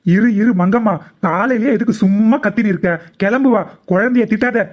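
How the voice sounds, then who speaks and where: A woman doing a gentle cartoon father in a voice pitched far below her own, mild and soothing. The sound is dull and muffled. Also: fairly quick, close to an everyday voice. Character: calm, easygoing father defending his daughter.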